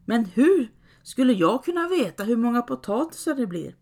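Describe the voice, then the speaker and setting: A woman's voice: on the high side, very animated, dark tone, pitched above the performer's own voice. Fretful peasant mom, woman reading it, pleading and raised, storybook voice. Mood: anxious. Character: anxious flustered peasant mother.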